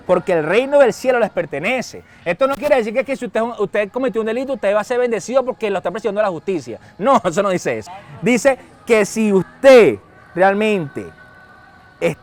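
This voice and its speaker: A middle-aged male pastor with a Venezuelan Spanish accent, preaching a sermon in an animated storytelling manner. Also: high voice. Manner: storytelling, animated, shouts when acting out a scene.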